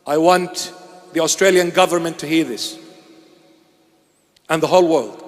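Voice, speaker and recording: A man from Iraq, a bishop, preaching a sermon in a large church hall. He speaks emphatically, repeating his phrases and sometimes breaking into shouts. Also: fairly high pitch, moderate pace. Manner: emphatic and repetitive, bursts into shouts. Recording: long hall reverb.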